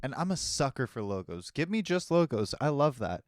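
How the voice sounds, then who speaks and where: A man's voice: medium pitch, sing-song, moderate pace, no room sound, clean studio sound. A man co-hosting a podcast in casual chat, enthusiastic and emphatic. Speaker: podcast co-host.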